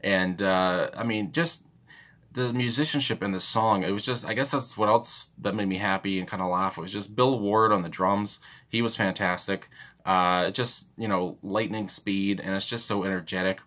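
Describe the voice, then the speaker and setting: A man's voice: on the low side, moderate pace, fairly bright tone. A young man hosting a music reaction, talking in a hesitant, rambling way with many fillers and restarts. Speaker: music reaction channel host. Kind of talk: casual unscripted commentary.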